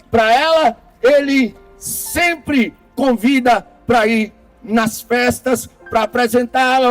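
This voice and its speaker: A man telling a parable in slow, dramatic phrases with deliberate pauses. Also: very high-pitched. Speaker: storyteller. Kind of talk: storytelling a parable.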